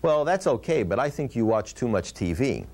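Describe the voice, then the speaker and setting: A man's voice: medium pitch, very animated, moderate pace, a little mellow. A man hosting a puppet show as the ventriloquist straight man, asking questions in a patient, instructive way. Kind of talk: scripted puppet show patter.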